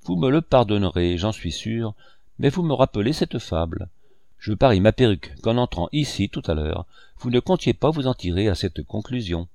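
A man reading a calm, wry doctor. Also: lowish voice, normal speed, vocal fry, no room sound, clean studio sound. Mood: measured. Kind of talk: audiobook reading.

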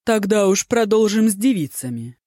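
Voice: medium pitch, sing-song, moderate pace, dark tone, no room sound, studio quality, pitched above the performer's own voice, natural voice. A narrator voicing a flamboyant, tipsy male poet who is effusive and theatrically pleased with himself. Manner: effusive, theatrical, self-satisfied.

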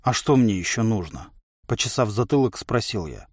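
A man's voice: lowish voice, very animated, normal speed, slightly rough, dry recording. A man narrating a fantasy novel as an audiobook, in a dry, matter-of-fact way. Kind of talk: fiction narration.

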